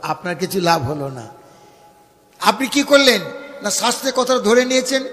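A man's voice: high-pitched, sing-song, normal speed, a bit bright. A man with a West Bengal accent giving a devotional sermon, preaching straight to his listeners and breaking into chanted verses. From India. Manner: preachy, addresses listeners as baba. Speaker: Bhagavat reciter. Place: gathering at a home, live audience. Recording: long reverb of a hall.

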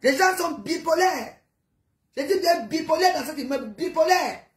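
Recorded in a roomy space at home in her apartment building, an indignant widow delivers an emotional monologue about her neighbors. Her female voice is high and insistent, with lively intonation and a moderate pace, and she keeps repeating herself emphatically and tossing in tag questions.

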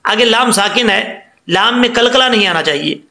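A man's voice: high voice, expressive, moderate pace, sharp tone, reverberant. A man teaching Quran recitation rules, patiently explaining each letter and drawing out the example words to demonstrate them. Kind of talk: tajweed lesson.

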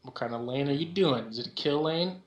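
A man's voice: a little high, brisk, highs cut off. A man chatting casually with his gaming team as they plan their picks. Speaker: team player planning champion picks. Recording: roomy, echoey voice-chat sound.

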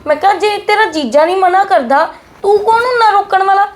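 A woman playing a feisty married elder sister who scolds her younger brother, speaking in a family short film. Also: a little fast. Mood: complaining. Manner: scolding, defiant, high-pitched.

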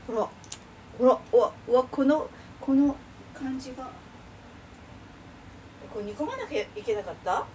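A middle-aged woman chatting away while she cooks lunch boxes in her home kitchen, rambling, exclaiming and laughing as she works. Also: high-pitched. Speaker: vlogger cooking lunch boxes. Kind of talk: casual chat while cooking. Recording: distant mic, clear kitchen noise.

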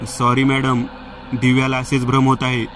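A man reading the part of a worried mother soothing her grown daughter, calm and plain. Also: medium pitch, moderate pace, slight background noise, lightly acted.

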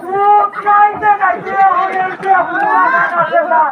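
A man's voice: very high-pitched, level tone, measured pace. A man playing a silly, cheeky pupil in comic Bengali folk theatre, with a Bengali accent. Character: silly, cheeky pupil who pesters the teacher. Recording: tinny, distant stage with very loud crowd.

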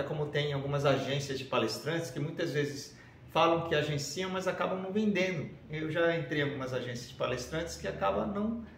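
A man speaks directly to his viewers in a casual, upbeat way, like a speaker pitching an idea. His voice sits a little high for a man. The camera mic picks up a noticeably roomy, echoey studio space. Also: slight background noise. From Brazil. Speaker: professional speaker. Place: indoor studio room with shelves.

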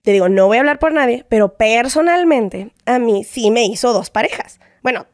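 A young woman with a Mexican accent tells her stories in a high voice as a guest in a casual interview. She acts out the quoted lines as she goes, and the recording is close and dry. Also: animated, moderate pace, no room sound. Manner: chatty storytelling, acts out quoted dialogue.

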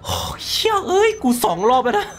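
A young man commentating his horror game play, excitable and crude, joking and swearing at enemies. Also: brisk, slight background noise. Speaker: gaming streamer.

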